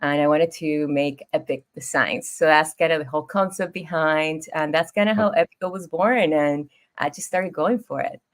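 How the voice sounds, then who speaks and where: A woman in her thirties from Ecuador, speaking with a Spanish accent, shares her story as a guest on a podcast. Her voice sits low and she talks at a moderate pace with few pauses, expressive and easygoing in a casual interview style.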